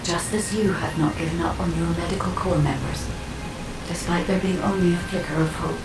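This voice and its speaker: A woman voicing a calm, overly smooth female android guide in a game, speaking in a measured, formal way. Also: lowish voice, lightly acted. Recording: echoey and distant with loud noise.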